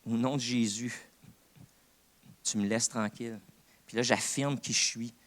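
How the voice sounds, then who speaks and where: A man's voice: mid-range voice, fairly even intonation, measured pace, a bit bright. A man with a Québécois French accent, preaching a sermon as co-pastor in an earnest, conversational way. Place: church.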